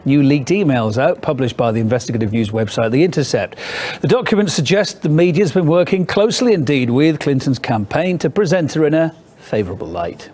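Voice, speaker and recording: A man news anchor reading a scripted report in a crisp, formal way. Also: a little high, expressive, fairly quick, a little mellow.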